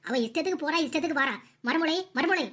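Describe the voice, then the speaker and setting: A woman's voice: high-pitched, fast. A woman voicing a bossy, scolding mother-in-law in a cartoon comedy. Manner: nagging, scolding, sharp-tongued.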